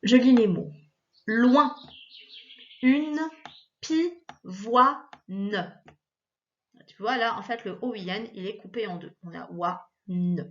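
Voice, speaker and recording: A woman's voice: medium pitch, brisk, few pauses, a little mellow, lo-fi sound. A woman teacher leading a recorded reading lesson for children, patiently sounding out syllables one at a time. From France.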